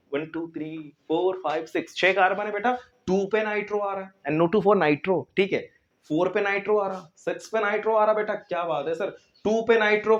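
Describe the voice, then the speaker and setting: A man's voice: fairly high pitch, fairly bright tone. Chatty male chemistry teacher. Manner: chatty, coaxing, calls students "beta", mimics students' replies. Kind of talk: casual online lesson. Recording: slightly dull lo-fi recording.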